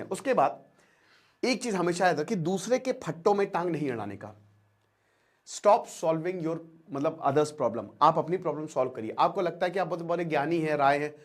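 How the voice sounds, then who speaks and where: A man with a high-pitched voice speaks earnestly and with emphasis, giving a motivational lecture on cutting off toxic people. He slips English phrases into his talk and drives his points home with rising force.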